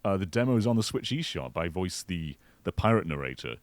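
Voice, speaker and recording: Deep-voiced, animated male podcast guest. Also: brisk, no room sound. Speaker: guest video maker and voice actor. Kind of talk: casual gaming chat.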